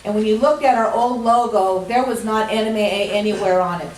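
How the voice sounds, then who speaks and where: A middle-aged woman with a hoarse, gruff voice giving a welcome speech at a rules clinic, talking informally with many ums and restarts. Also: mid-range voice, brisk, a little hiss or hum. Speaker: executive director of a state activities association. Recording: echoey hall from far off.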